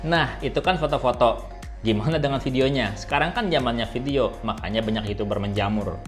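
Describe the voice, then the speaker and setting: A man's voice: mid-range voice, fairly quick. A man narrating a casual, scripted tech review as a voice-over. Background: background music.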